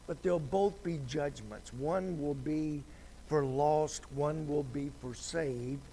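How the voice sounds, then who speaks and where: A man teaching a Sunday Bible lesson in a slow, conversational preaching style, with dry sarcastic asides. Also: fairly high pitch, warm tone, slight background noise, low-quality recording.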